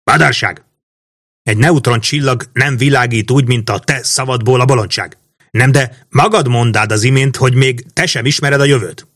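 A man's voice: mid-range voice, a bit bright, no echo, studio quality. A man voicing a proud, hot-tempered noble lord who speaks in a scornful, abrupt way in an audiobook. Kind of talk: audiobook reading.

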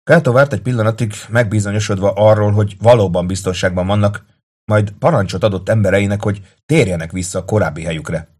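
A man reading a war novel aloud as narrator, steady and dramatic. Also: lowish voice. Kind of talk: audiobook narration.

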